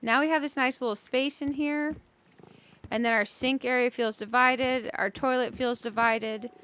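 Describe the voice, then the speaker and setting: A woman's voice: high-pitched, steady tone, moderate pace, fairly bright tone, a little hiss or hum. A woman streaming a cozy game, chatting casually with viewers and thinking aloud as she decorates, with giggly bursts. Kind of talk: casual gameplay commentary.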